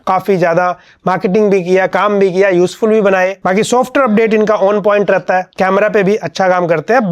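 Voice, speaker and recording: Male tech reviewer, higher-pitched voice, casual and opinionated commentary. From India. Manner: conversational, opinionated, mixes in English words.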